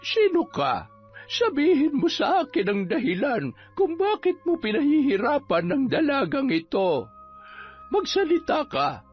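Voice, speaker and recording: A performer playing a stern old folk healer who gives deliberate, threatening commands. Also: high-pitched, wildly swooping pitch, lo-fi sound, heavily acted. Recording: band-limited audio with music behind.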